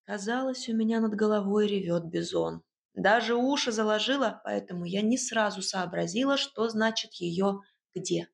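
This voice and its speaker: A woman reading a first-person story aloud with lively, expressive narration. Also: medium pitch, normal speed, gravelly. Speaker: audiobook narrator.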